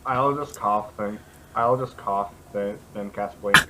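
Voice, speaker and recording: A man's voice: lowish voice, slow, sharp tone, slight background noise, low-quality recording. A man playing in a tabletop game, answering in a dry, matter-of-fact way. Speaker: player. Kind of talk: casual tabletop play.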